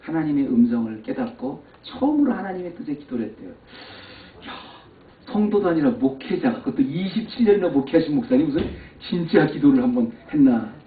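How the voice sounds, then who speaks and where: A man preaching a sermon as pastor, telling a personal testimony and rising to loud emphatic peaks. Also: a little high, lively intonation, brisk, slight background noise. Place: church sanctuary. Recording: echoey, distant, phone-like lo-fi.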